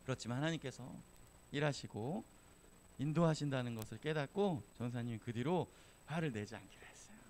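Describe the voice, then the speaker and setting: A man's voice: medium pitch, animated, a little fast, a little mellow, slight background noise. A man giving a casual, humorous youth sermon in a church, telling stories and acting out quotes. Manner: chatty and humorous, slipping into acted quotes. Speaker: youth pastor. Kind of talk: casual storytelling sermon to teenagers.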